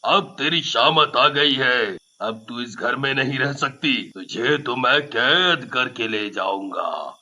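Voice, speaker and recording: A narrator voicing a menacing male sorcerer villain in a cartoon, slow and gloating, with cackles between threats. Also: medium pitch, lively intonation, sharp tone, pitched below the performer's own voice, heavily acted. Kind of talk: storybook cartoon voice acting.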